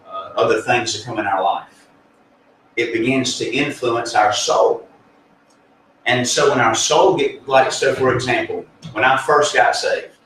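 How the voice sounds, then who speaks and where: Male pastor, earnest and folksy, mid-pitched, heard from across a reverberant room. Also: a bit bright, slight background noise. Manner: earnest, folksy, with many fillers and restarts. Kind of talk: conversational spiritual teaching. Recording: echoey room, distant mic, faint ambience.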